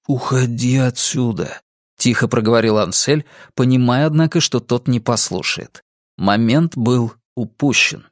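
A man narrating a historical novel in an expressive, dramatic manner. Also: mid-range voice, dry recording, studio quality. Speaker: audiobook narrator.

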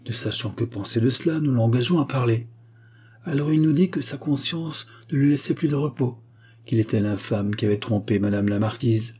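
A man's voice: medium pitch, warm tone, husky. A man voicing a remorseful, tender aristocratic mother in an audiobook reading, earnest and confiding.

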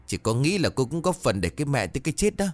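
A spiteful daughter-in-law lashing out in a shrill, piercing tone, as a male narrator puts her on. Her voice jumps high and loud with accusation, over faint music. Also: sing-song, fast talker, lightly acted. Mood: scolding. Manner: shrill, scolding.

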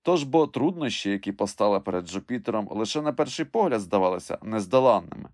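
A man reading an adventure story aloud as scripted narration, with expressive storytelling. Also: lowish voice, fast talker, no room sound, studio quality. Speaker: audiobook reader.

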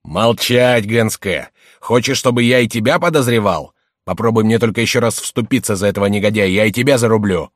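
A man's voice: sits low, normal speed, no room sound, studio quality. A man reading an audiobook and voicing a stern male samurai master who barks commands at his servants. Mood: wrathful. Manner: commanding, shouting orders.

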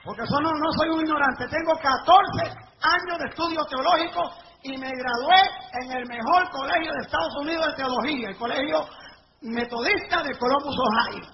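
A middle-aged male evangelist with a strikingly high voice delivers a fervent revival sermon to a live congregation. He tells his testimonies dramatically and builds to shouts at the peaks. The recording sounds dull and lo-fi, with a faint hiss behind him. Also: normal speed. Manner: fervent storytelling, rising to shouts at climaxes. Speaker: evangelist preacher. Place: church or revival meeting before a live congregation.

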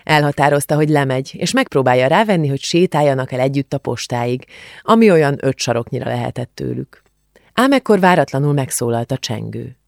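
A woman narrating a novel in an audiobook, in a calm, measured storytelling manner. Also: a bass voice, creaky, no echo, clean studio sound. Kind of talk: scripted narration.

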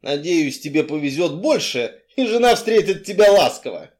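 A sly, blustering crime boss, as a male reader acts him out, mocking and evasive, flaring into shouts. The voice sits a little high and swings widely between sneers and bursts. It is from a crime audiobook. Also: big pitch swings, normal speed.

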